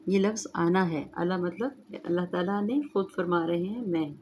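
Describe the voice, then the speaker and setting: A woman teaching Quran recitation rules, chanting verses slowly and then explaining each rule calmly, with an Urdu accent. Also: lowish voice, a little hiss or hum. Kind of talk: tajweed lesson, slow recitation then explanation.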